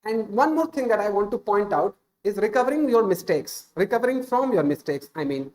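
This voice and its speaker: Poor audio carries a high, animated, brisk voice with a darkish tone. It belongs to a man in his thirties, an Indian-accented native Hindi speaker giving casual, unplanned advice on speaking English during a stream. He's earnest and keeps saying "uh" and correcting himself.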